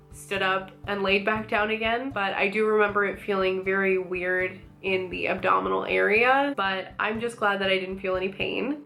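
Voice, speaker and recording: A woman's voice: mid-range voice, fairly bright tone. A woman telling a personal story in vlog style, articulate and matter-of-fact, with light wry understatement. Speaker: vlogger.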